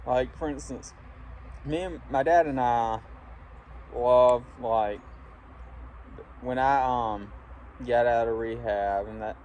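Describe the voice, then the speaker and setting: A young man from Alabama talking in a casual, halting, reflective ramble while smoking a pipe, often trailing off. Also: lowish voice, a little mellow. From Alabama, United States. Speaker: vlogger talking to viewers. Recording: windy, clear background noise. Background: wind.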